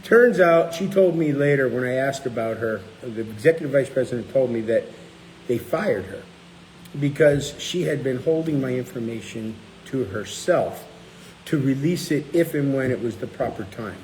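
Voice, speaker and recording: A middle-aged cookbook author and channel host chats casually, telling stories and animatedly acting out the people he quotes. His voice is medium-pitched at a moderate pace, and the poor audio carries a little hiss or hum.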